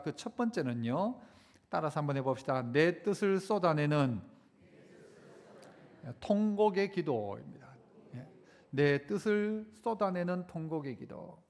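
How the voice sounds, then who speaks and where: A man preaching a Sunday sermon in a very high voice, leading the congregation in repeating phrases and drawing out key words for emphasis. He slips into quoted voices now and then. The sound carries a long reverb from a large sanctuary. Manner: leads congregation in call-and-response repetition; slows down to stress key phrases. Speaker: pastor. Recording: long church hall reverb.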